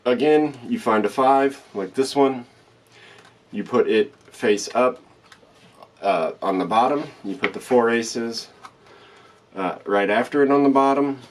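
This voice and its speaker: A man's voice: mid-range voice, unhurried, pauses often. A man giving card magician patter, explaining a trick step by step in a plain, instructional way and repeating the steps. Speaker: card trick tutorial presenter.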